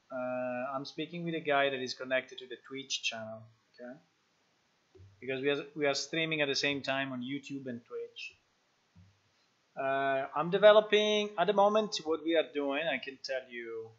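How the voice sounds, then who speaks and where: Streaming live as he codes a game, a man from Italy talks casually in an Italian accent, thinking aloud with lots of fillers and restarts. His medium-pitched voice is a bit bright, heard through dull lo-fi stream audio.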